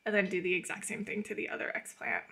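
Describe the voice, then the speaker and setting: This young channel host teaches plant tissue culture in a medium-pitched voice that is animated, fast, creaky, sharp, and husky. Still, her step-by-step guidance stays friendly and patient, with small laughs, as she shifts between casual voice-over and live coaching.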